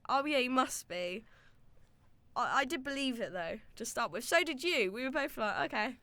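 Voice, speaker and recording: A woman's voice: high-pitched, animated, normal speed, pushed and bright, dry recording. A young woman with a cold co-hosting a podcast in chatty casual conversation, laughing often. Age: young adult. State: has a cold. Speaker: podcast co-host. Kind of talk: casual chat.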